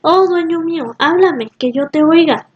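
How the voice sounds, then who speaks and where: Woman reading a cruel storybook sorceress, high-pitched, muffled lo-fi recording. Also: moderate pace. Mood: pleading. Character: cruel vengeful sorceress woman, pleading to her lover.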